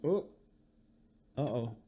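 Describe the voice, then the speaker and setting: In this read-aloud, a teacher shares a picture book with young children, speaking slowly and expressively, acting out sounds, and turning aside to chat with them. The voice is mid-range.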